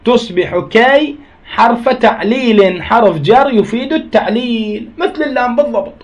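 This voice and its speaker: Male teacher, high pitched, patient and repetitive explainer. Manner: reads a passage, then re-explains it with repeated examples. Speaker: Arabic grammar teacher. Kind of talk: explaining a grammar text line by line.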